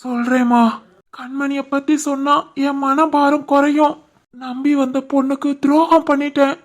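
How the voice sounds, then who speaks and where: A woman voicing a patient older father-in-law in an animated family drama, gentle and resigned, with a southern Tirunelveli Tamil accent. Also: high-pitched, measured pace. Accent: southern Tamil Nadu (Tirunelveli) Tamil. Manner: gentle, resigned and soft-spoken.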